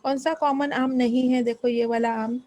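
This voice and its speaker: Woman teacher, patient, keeps repeating questions to the class, fairly high voice, dry sound. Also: fairly even intonation, a little fast, mellow, no echo, poor audio. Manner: patient, repeats questions and prompts students to answer. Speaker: math teacher. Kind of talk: classroom lesson explanation.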